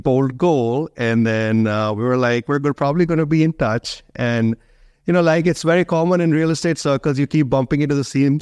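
A male podcast host talks casually, filling his sentences with ums and you-knows. His pitch sits in the middle range. The sound is close and dry. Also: smooth, dry recording. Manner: conversational, many fillers like um and you know. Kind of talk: casual interview hosting.

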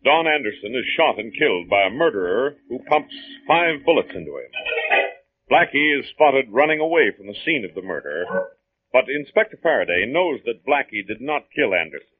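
Old radio show announcer guy, mid-pitched voice, swoopy delivery, tinny lo-fi sound. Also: sing-song, brisk, slightly rough. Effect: old-time radio broadcast sound. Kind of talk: scripted announcer narration. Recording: tinny old radio broadcast with faint music.

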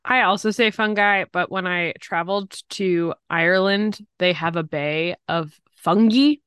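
Smooth, low-voiced woman co-host. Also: a little slow, no room sound, clean studio sound. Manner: relaxed, many fillers like "like" and "um". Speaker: podcast co-host. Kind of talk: casual chat.

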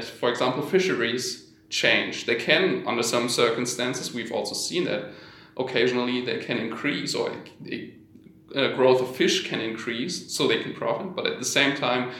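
A man from Germany, a research scientist, explaining his field in a measured way as an interview guest. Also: mid-range voice, bright, forceful tone. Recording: roomy, echoing sound.

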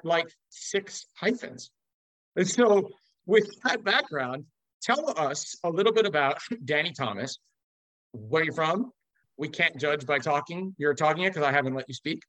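An American man from Los Angeles, USA, hosts a casual interview, speaking expansively and emphatically. His voice is fairly high and a bit bright. The recording is rough but has no echo.

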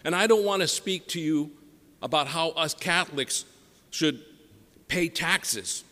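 Priest preaching in cathedral-like echo. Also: male voice, fairly high pitch, expressive, bright, forceful tone. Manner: measured, solemn, deliberate public delivery. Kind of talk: gospel reading and homily. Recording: echoing church, long reverb.

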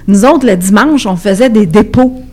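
A woman's voice: mid-range voice, normal speed, a little mellow. A woman in her forties with a Québécois French accent, a business coach chatting confidently as a radio guest. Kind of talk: radio interview.

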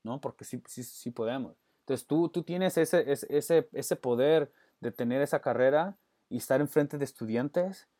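A man's voice: mid-range voice, moderate pace, mellow, no echo, studio quality. A man who works as an educator, answering interview questions earnestly, often slipping English words into his Spanish and restarting phrases. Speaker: guest, educator.

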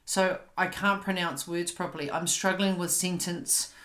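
A woman's voice: on the low side, steady tone, moderate pace, a bit bright. A woman hosting a podcast from home, talking candidly and often stopping to search for words. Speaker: podcast host. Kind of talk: casual chat. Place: home, on a couch. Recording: roomy echo.

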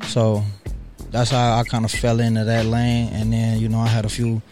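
A man's voice: lowish voice, completely flat delivery, normal speed, a little mellow. A man from California, a guest rapper in casual interview chat, talking laid-back and slangy, often asking "you feel me". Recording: music playing behind. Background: music.

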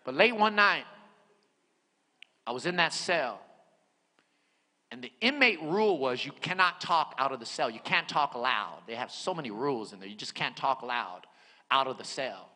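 A man in his forties preaching a sermon as a pastor, telling his story dramatically, dropping to a hush and rising to shouts. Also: mid-range voice, animated, normal speed, pauses often. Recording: echoey hall.

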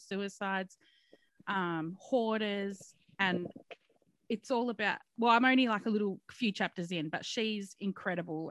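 A woman co-hosting a podcast, chatting casually and laughing often. Her voice sits in a middle pitch. The recording is dry and close. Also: fairly bright tone, no room sound. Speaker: podcast co-host. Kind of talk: casual chat.

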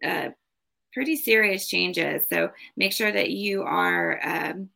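A woman's voice: fairly low pitch, takes it slowly, creaky, sharp tone. A woman giving a casual spoken card reading as host, advising in an emphatic, repetitive way. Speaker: tarot card reader and host.

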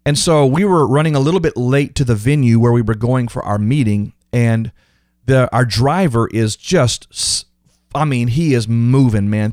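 A man's voice: mid-range voice, a little mellow, no room sound, studio quality. A man hosting a podcast, telling stories in an emphatic motivational monologue and repeating key phrases. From United States. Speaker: podcast host.

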